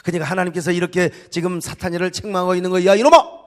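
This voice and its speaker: A male pastor preaching a sermon in a church, emphatic, swinging from quiet conversational talk to loud shouts. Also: high voice, monotone, rapid-fire. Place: church sanctuary.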